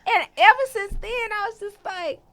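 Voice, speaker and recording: A woman attorney co-hosting a podcast, telling stories in an animated way and laughing as she talks. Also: extremely high pitch, moderate pace, slight background noise. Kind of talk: casual chat.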